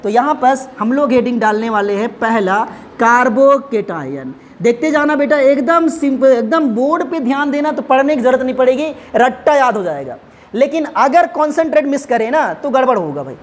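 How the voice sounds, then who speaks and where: A man's voice: very high voice, expressive, moderate pace. A male chemistry teacher gives a classroom lecture at the board, explaining step by step and addressing students affectionately.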